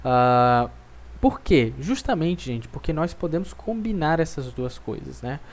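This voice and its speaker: Slow, patient teacher. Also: male voice, on the high side, big pitch swings. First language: Portuguese. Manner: slow, patient, says French words twice for the class to repeat. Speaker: French teacher. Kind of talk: language lesson with repetition drills.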